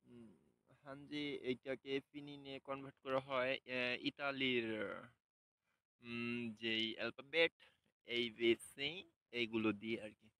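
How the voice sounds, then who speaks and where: A man giving a casual spoken lesson, unhurried and hesitant, often pausing on fillers and repeating sounds slowly for practice. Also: medium pitch, little pitch movement, pushed and bright, clear, resonant tone, dry recording, poor audio. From Bangladesh. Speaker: language teacher.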